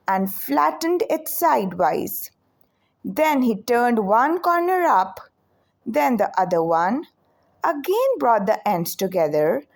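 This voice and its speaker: A woman with a fairly high voice reads a children's picture book aloud, telling the story expressively and deliberately.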